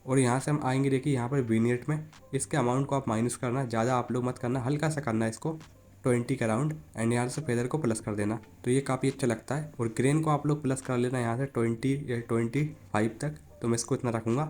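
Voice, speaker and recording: A man's voice: medium pitch, fairly even intonation, fast talker, a little mellow. A man hosting a phone photo editing tutorial, talking viewers through each step in a casual, chatty way. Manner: casual and chatty, calls viewers "buddy" (यार); instructive, repeatedly tells viewers to look. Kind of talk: step-by-step app tutorial narration.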